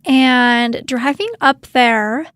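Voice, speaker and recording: A woman doula and podcast co-host, telling a moving story softly, holding back tears. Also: on the high side, very slow, dry recording. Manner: emotional, soft-spoken, holding back tears. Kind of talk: casual storytelling. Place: Utah.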